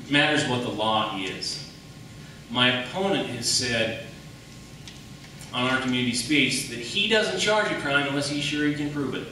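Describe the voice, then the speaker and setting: At a public debate in a large, reverberant hall, a man running for county attorney pounds home his message through repetition and rhetorical questions. His mid-range voice sounds bright and forceful. The mic sits far away, and faint noise can be heard.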